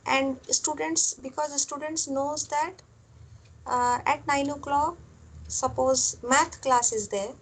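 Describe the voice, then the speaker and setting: Slow, high-voiced woman lecturer. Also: fairly even intonation, low-quality recording. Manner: explains step by step, repeats phrases, many fillers. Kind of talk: classroom lecture.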